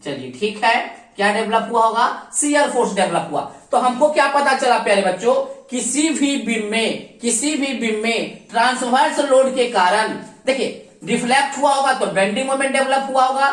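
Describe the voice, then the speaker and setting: A woman's voice: a little high, moderate pace, hardly any pauses, distant mic. A woman teacher giving a recorded class lecture, who keeps asking questions and answering them herself and calls her students dear children. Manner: mixes English technical terms into speech. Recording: echoey room, voice from off the mic.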